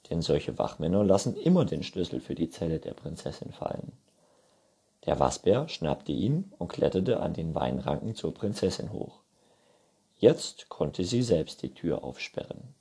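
A man's voice: sits low, mellow, slightly rough. A man reading a children's book aloud in a playful storytelling manner. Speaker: reader.

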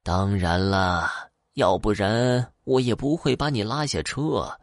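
A man voicing an old woman ghost on a night bus, swinging between shrill shouts and slow, low coaxing. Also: dry recording, studio quality. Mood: gentle.

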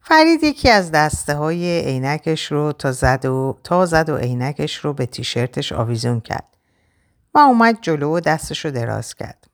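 Woman narrator for a first-person story, low voice, very lively pitch, measured and expressive.

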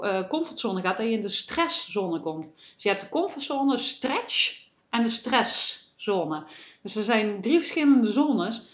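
Woman, podcast coach, earnest, encouraging, solo monologue, roomy room. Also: on the high side. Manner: earnest, encouraging, many "hè" tags.

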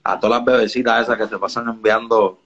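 A music producer from the Dominican Republic speaks fast in a lowish, steady voice as a guest in a casual interview, with a crowd audible behind him. The audio is dull, and he stays laid-back, often asking "you get me?" to check the listener follows.

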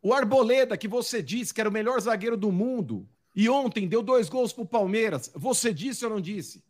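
Male host, very high voice, teasing interrogator in casual banter. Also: lively intonation, normal speed. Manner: mocking, pressing with questions.

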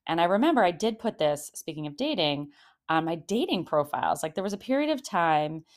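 Woman in her late forties, low pitch, chatty and rambling, casual monologue. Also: very animated, a little fast. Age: 40s. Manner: chatty, rambling, frequent "like" and laughs. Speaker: podcast host.

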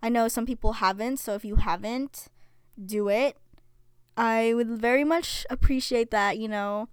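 Young female podcast host, chatty and filler-heavy, smooth voice, dry close sound. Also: fairly high pitch, no room sound. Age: young adult. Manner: chatty, many fillers, reads stories aloud. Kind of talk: casual solo podcast chat.

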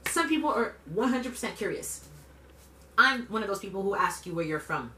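A Canadian woman in her late twenties co-hosts a podcast, speaking bluntly and emphatically in casual conversation with lots of "like" fillers. Her medium-pitched voice is expressive, a little fast and sharp-toned. The distant mic picks up roomy room sound and a little hiss or hum.

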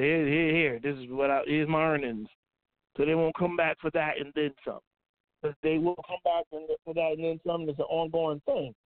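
Guy ranting casually on a podcast, swears a lot, kinda high voice, tinny dry sound like a phone. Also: no echo. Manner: loose, profane, repeats himself. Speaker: podcast host. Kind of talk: casual commentary on news.

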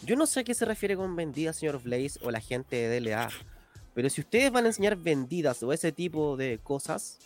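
A man's voice: fairly high pitch, sing-song, brisk, faint music behind. A man co-hosting a casual podcast, making an emphatic, indignant complaint. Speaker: podcast co-host.

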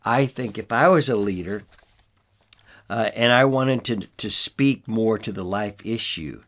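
An older man giving an informal teaching talk as a preacher, earnest and measured, with pauses for emphasis. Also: lowish voice, fairly bright tone. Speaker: preacher and ministry leader.

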